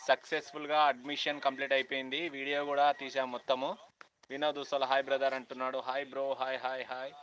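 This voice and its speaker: A young man from Telangana with a Telangana Telugu accent, chatting loudly with viewers on a phone live stream outdoors on a college campus, half-shouting and greeting people by name. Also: mid-range voice, monotone, fast talker, a little hiss or hum, rough recording. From Telangana, India. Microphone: phone held at hand, no external mic.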